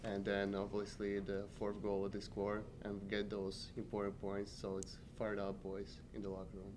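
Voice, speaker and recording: A young hockey player answers questions at a press table in halting, short broken phrases. His voice is fairly low and flat. Clear background noise runs under the table mic. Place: press room, seated at a table. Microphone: table microphone.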